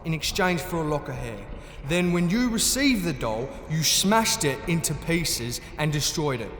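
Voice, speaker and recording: A man's voice: a little high, animated, moderate pace, a bit bright, slight background noise. An actor playing a theatrical, mock-genial Gnome King in a fantasy audio drama, effusively polite and gloating. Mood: patronizing. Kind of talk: full-cast fantasy audio drama acting. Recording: echoey cavernous hall, music underneath.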